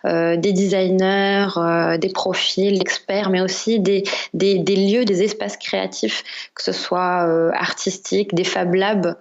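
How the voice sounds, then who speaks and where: A woman's voice: on the low side, gravelly, lo-fi sound. A woman from Algeria, a guest entrepreneur in a podcast interview, explaining her work with many hesitations.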